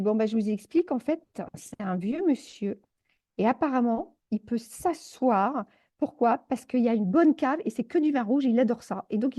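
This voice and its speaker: A woman guest in a casual interview, telling her own stories in an animated, exclamatory way, full of fillers and restarts. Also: a little high. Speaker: energy healer guest.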